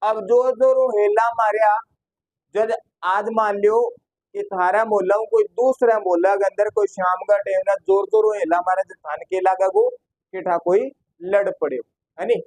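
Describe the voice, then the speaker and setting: High-voiced Rajasthani teacher lecturing. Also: male voice, normal speed, a little mellow, dry recording, low-quality recording. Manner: asks students questions and answers them himself; slips into local dialect phrases. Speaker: exam-prep teacher. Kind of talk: classroom lecture.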